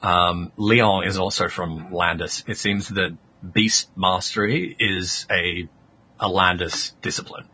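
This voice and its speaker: A man co-hosting a casual podcast, joking around with quick asides about game lore. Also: low voice, steady tone, bright, forceful tone, slight background noise. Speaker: podcast co-host.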